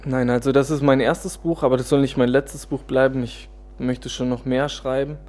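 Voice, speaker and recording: A man from Germany, a guest author in a relaxed interview, speaking hesitantly with many pauses and restarts. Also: mid-range voice. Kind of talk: casual interview talk.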